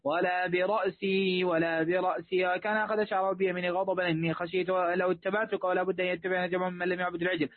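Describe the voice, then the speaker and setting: A man reading a classical commentary aloud as a student, in a fast monotone with quick self-corrections. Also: high-pitched, dry recording. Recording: dry, phone-like line.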